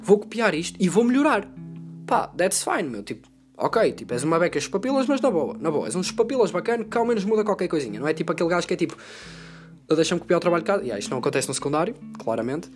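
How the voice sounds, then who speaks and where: A man's voice: high-pitched, sing-song, racing, a little mellow. A man with a European Portuguese accent in a casual, rambling monologue, ranting and joking with frequent swearing. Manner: rambling, profane, joking rant. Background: guitar music.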